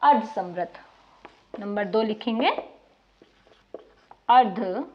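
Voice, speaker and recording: A woman teacher giving a slow, dictation-style lesson, repeating each word for note-taking and asking her pupils questions. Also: medium pitch. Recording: muffled lo-fi recording.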